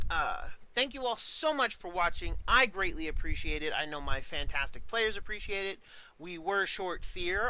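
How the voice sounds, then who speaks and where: A man's voice: a little high, pushed and bright, poor audio. A man wrapping up an online tabletop game as dungeon master, rambling in a friendly way with many ums and uhs.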